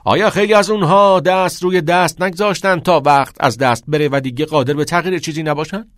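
A man's voice: on the high side, fairly bright tone, no room sound, studio quality, pitched above the performer's own voice, lightly acted. A man voicing a passionate middle-aged male teacher who urges and exclaims like a preacher. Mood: urging, loud.

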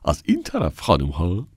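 A man's voice: low-pitched, wildly swooping pitch, breathy edge, no room sound, studio quality, full character voice. Man doing a hesitant, fumbling male manager. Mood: placating. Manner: hesitant, placating, full of "uh" fillers. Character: blustering adult male contest manager.

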